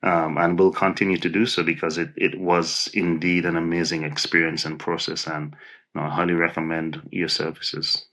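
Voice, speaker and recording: This interview guest, an entrepreneur from Nevis in Saint Kitts and Nevis, has a low, bright, forceful voice with a level tone at normal speed. He answers in an encouraging, conversational way, frequently repeating words as he thinks.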